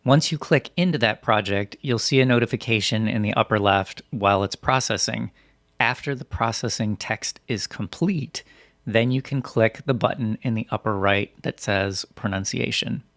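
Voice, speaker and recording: A man reading scripted instructional narration as a software tutorial presenter, in a methodical, step-by-step way. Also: on the low side, moderate pace, no echo, studio quality.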